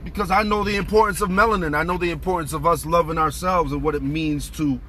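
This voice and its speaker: A man's voice: fairly high pitch, steady tone, fast, bright, forceful tone, slight background noise. A man in his thirties telling a story in a casual, profane, heated rant, recorded on a phone camera in a car. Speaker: vlogger.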